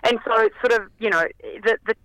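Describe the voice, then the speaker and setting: A New Zealand woman, croaky with a cold, phoning in to a radio show to explain things in a casual, chatty way. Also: a little high, brisk, a bit bright, dry recording. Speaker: radio segment contributor. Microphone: telephone. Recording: tinny phone line.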